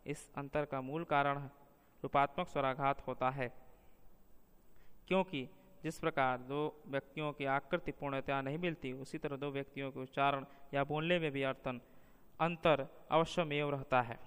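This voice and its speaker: A man reading a linguistics lesson aloud in a measured way, slowing down to spell out example words. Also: medium pitch, fairly even intonation, a bit bright, smooth, in a large hall. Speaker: teacher.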